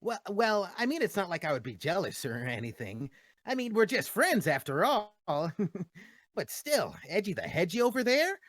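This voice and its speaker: A man's voice: high voice, very animated, normal speed, fairly bright tone, no echo, studio quality, heavily acted. A man voicing a cocky, upbeat hero hedgehog, breezy and quippy, in a fan Q&A. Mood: flustered. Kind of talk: in-character fan Q&A.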